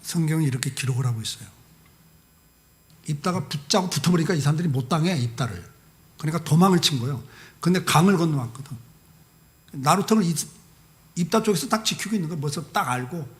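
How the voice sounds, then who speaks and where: Animated male pastor telling a story. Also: on the high side, fast talker, pauses often. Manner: lively storytelling, acting out dialogue with humorous asides. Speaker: guest pastor. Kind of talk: sermon. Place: church service.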